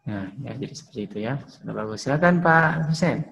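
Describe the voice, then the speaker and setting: A man teaching Quran recitation, explaining letter sounds and modeling slow, drawn-out recitation for his students. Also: mid-range voice, animated, gravelly, fairly bright tone, highs cut off. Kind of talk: online tajwid class with drills.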